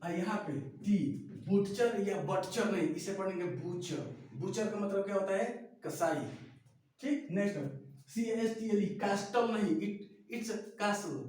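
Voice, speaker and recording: A man's voice: sits high, moderate pace, darkish tone. A man teaching English words. He drills by repeating, asks questions and answers them himself. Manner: repetitive call-and-response drilling, asks then answers himself. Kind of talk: classroom-style spoken lesson. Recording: echoey room, far from the mic.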